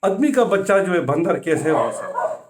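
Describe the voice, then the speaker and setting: A man voicing an excitable father who protests loudly, his voice pushed high. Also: moderate pace, background noise. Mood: indignant. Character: upset father, man, demanding his children back.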